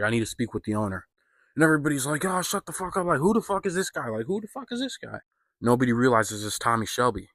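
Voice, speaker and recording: A man's voice: mid-range voice, a bit bright, no room sound, clean studio sound. A man giving a casual spoken film review, loose and profane, full of fillers and slang. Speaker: movie reviewer.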